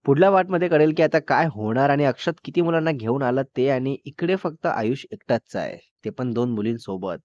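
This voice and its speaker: A man telling a romantic audio story in a plain, middling voice, moving briskly from one speaker to the next and dropping in English phrases. The recording is dry and slightly dull, like a basic home mic. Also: mid-range voice, animated, darkish tone, no echo. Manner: simple recounting, sprinkling English phrases.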